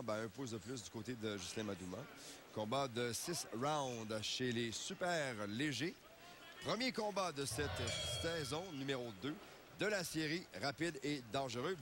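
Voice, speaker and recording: A man's voice: medium pitch, lively intonation, moderate pace. A man hosting live boxing commentary from ringside. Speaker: boxing broadcast host and commentator. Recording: clear arena noise behind.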